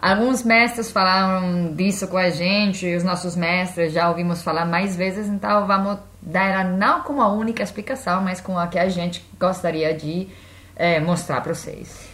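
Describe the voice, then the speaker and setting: A woman's voice: fairly low pitch, moderate pace, fairly bright tone, echoey room. A woman from Italy with an Italian accent, co-hosting a casual podcast and adding short remarks while sometimes hunting for words. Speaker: podcast co-host.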